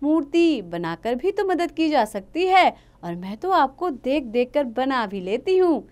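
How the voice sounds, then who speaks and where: A woman's voice: high-pitched, very animated, measured pace, darkish tone, pitched above the performer's own voice. A woman voicing an eager twelve-year-old village girl who pleads insistently. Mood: pleading.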